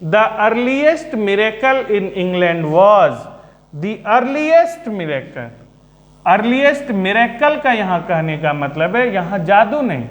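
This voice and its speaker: A man teaching a literature class, speaking slowly and calmly, repeating and spelling out words for his students. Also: high voice. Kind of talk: Hindi-English literature lesson. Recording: echoey room.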